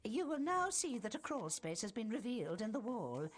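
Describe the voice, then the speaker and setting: An actress voicing a stern, formal professor at a magic school who addresses her class in measured, instructive tones in a video game. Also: a little high, sing-song, a little hiss or hum.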